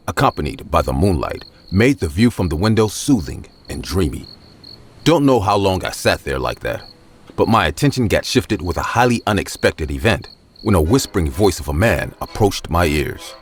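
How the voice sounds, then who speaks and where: Deep-voiced man narrating a horror story.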